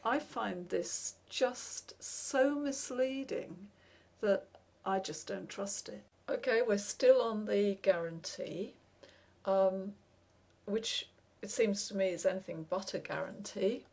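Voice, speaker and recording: A woman giving a wry, skeptical opinion monologue, pausing often with fillers. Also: medium pitch, creaky, darkish tone. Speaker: commentator.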